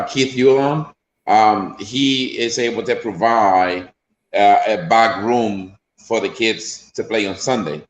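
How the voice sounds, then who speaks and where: A man's voice: mid-range voice, roomy sound, a little hiss or hum, rough recording. A man from Honduras with a Honduran accent, a player's father talking casually in an interview, rambling with many fillers and restarts.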